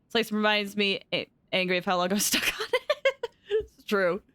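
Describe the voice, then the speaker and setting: A young adult woman giving casual, giggly, excitable live reactions as she streams a game. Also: mid-range voice, normal speed, dry recording.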